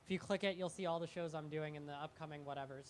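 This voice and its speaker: A young man, a comedian and guest, speaking in a halting, rambling, self-deprecating way on a live talk show. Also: a little high, steady tone, a little hiss or hum. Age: young adult.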